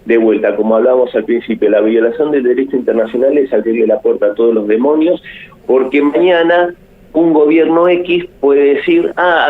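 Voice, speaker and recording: Argentine male radio guest, opinionated and hesitant, heard through a thin AM radio phone line. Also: mid-range voice. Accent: Rioplatense Argentine Spanish. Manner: opinionated, thinking aloud with frequent hesitations. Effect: phone-line voice heard over AM radio. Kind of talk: radio interview commentary. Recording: tinny narrowband phone line.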